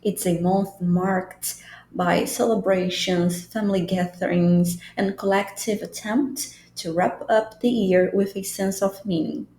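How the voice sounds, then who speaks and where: Slow, gravelly-voiced woman teaching. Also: mid-range voice, steady tone, darkish tone. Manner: patient, explanatory, repeats key phrases slowly. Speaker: English teacher. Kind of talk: online language lesson. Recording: roomy echo, faint background noise.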